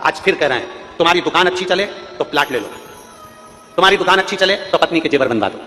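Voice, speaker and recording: A man's voice: on the high side, expressive, fast talker, bright, forceful tone, in a large hall. A man delivering a devotional scripture sermon to a large gathering, fervent and repetitive, breaking into sung verses. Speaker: religious storyteller.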